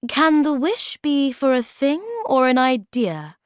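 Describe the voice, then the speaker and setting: A kind, gentle mother troll from a children's story, voiced by a woman reading aloud. She speaks tenderly in a raised, caring voice. The recording is dry and close. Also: sits high, lively intonation, slow pace, clear, resonant tone, no room sound, pitched above the performer's own voice.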